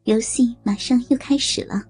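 A woman narrating a story in a steady way. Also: on the high side, normal speed, breathy edge. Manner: steady narration, voicing characters. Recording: dry close voice with faint music.

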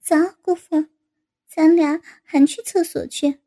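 A woman voicing a brazen, teasing young woman in a read-aloud story, her voice very high and dark-toned. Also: steady tone, slow. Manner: giggling, teasing.

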